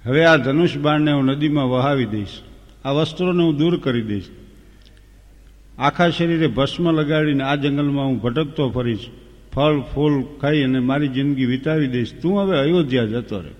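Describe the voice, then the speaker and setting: A man's voice: mid-range voice, normal speed, highs cut off, natural voice. A man voicing the grieving young prince Rama, vowing in a solemn, half-sung verse. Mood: resolute. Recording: long hall reverb.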